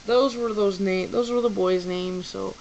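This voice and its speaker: A young woman talks through her favorite names at an unhurried pace, drifting and restarting as she goes. Her voice sits in a gravelly fry, and a faint hiss runs underneath the recording. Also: mid-range voice, fairly even intonation, darkish tone, highs cut off. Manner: rambling, many fillers and restarts. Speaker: vlogger. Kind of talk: casual chat about baby names.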